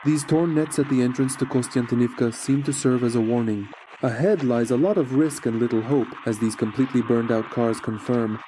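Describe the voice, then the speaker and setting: A man's voice: medium pitch, fairly quick, few pauses, heavy background noise. A man narrating a scripted frontline report as a war correspondent.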